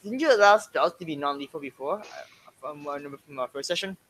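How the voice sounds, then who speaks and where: A man's voice: a little high, fast talker, a bit bright. A man talking casually as a player at a tabletop game.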